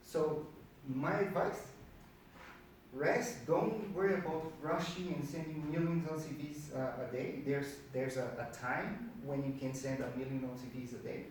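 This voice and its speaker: A Brazilian man whose first language is Portuguese speaks in a slightly high voice with fairly even intonation, taking his time. He's giving a casual, conversational talk to a live audience at a career networking meetup indoors, repeating words for emphasis. The recording comes from a distant mic in a very echoey room, with faint noise.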